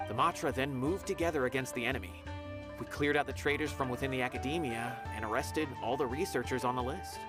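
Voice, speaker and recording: An actor gives a natural, medium-pitched read at a quick pace as a polite, dutiful young officer of an academy, sincerely passing along news. It is game dialogue, with loud music in the background.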